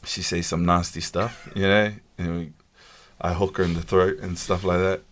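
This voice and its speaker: A man with a broad Kiwi accent and a lowish voice talks in loose, slangy banter. He tells things casually, poking fun at himself as he goes. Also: flat delivery, normal speed, fairly bright tone. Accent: New Zealand. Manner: bantering, slangy, self-deprecating. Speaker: podcast guest, musician and streamer. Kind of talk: casual joking chat.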